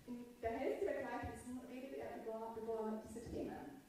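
A woman's voice: on the high side, steady tone, normal speed, mellow, slight background noise. Woman preaching in an echoing church. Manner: earnest, conversational preaching with casual words. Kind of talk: sermon. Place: church hall. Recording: echoey hall, voice from a distance.

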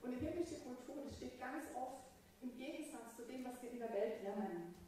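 A woman's voice: a little high, animated, moderate pace, mellow. A woman preaching a sermon in a church hall, earnest and conversational, with casual words mixed in. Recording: echoey hall, voice from a distance.

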